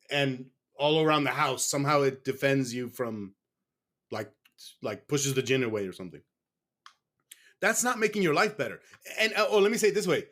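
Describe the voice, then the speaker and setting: Candid and prone to rambling, an American man talks as a guest in a casual interview, often pausing to correct himself. His voice is on the high side with a fairly bright tone.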